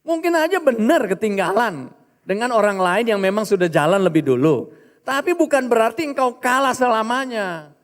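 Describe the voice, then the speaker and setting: A male pastor preaching a lively sermon in church, acting out the voices of people he quotes. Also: high-pitched, big-room sound. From Indonesia.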